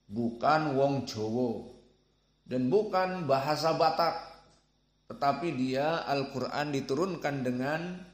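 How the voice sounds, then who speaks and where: A man giving a religious lesson, speaking slowly and deliberately and sounding out Arabic syllables. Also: medium pitch, echoey room. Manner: slow, deliberate, demonstrates Arabic sounds aloud. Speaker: Quran recitation teacher.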